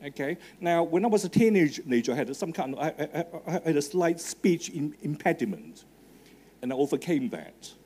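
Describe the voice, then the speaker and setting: Fairly high-pitched and sing-song, with a darkish tone and moderate pace, this middle-aged man's voice has slight background noise behind it. He speaks Cantonese natively and English with a Hong Kong accent, giving a live talk to students on a marquee tent's stage through a handheld microphone, with fillers and questions for the crowd.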